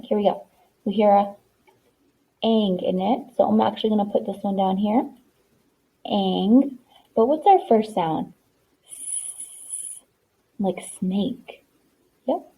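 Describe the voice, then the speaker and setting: A woman with a mid-range, dark and slightly rough voice patiently teaches a spelling lesson, encouraging the listener as she sounds out the letters one by one. The recording is tinny and lo-fi, like a phone.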